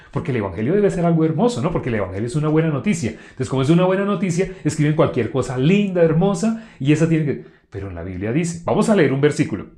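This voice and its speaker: A man preaching a sermon in an animated way, repeating phrases for emphasis and laughing between points. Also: on the high side, reverberant.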